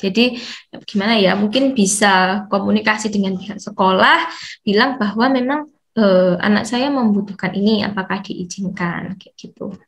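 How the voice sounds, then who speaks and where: A woman's voice: mid-range voice, normal speed. A woman leading a parent seminar as an educator, explaining patiently with frequent fillers and reading out questions. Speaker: educator for parents of children with hearing technology.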